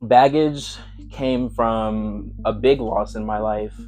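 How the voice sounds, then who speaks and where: A young man telling his own story in a reflective, candid documentary interview, unhurried and soft-spoken. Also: on the low side, steady tone. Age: young adult. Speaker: musician narrating his documentary.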